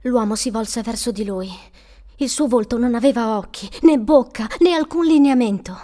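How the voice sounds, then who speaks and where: A woman narrating an audiobook with expressive, suspenseful storytelling. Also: a little high, moderate pace. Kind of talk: audiobook reading.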